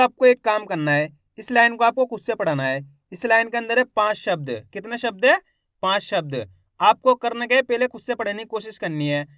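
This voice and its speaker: A man teaching children to read, sounding out each syllable slowly and then blending it into a whole word. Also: high-pitched, fairly bright tone, no echo, studio quality. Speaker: Hindi reading teacher. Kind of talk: slow syllable-by-syllable reading lesson.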